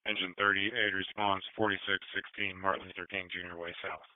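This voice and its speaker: Low, monotone male dispatcher on radio. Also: fairly quick, no room sound. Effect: two-way radio. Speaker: emergency dispatcher. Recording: narrowband scanner radio.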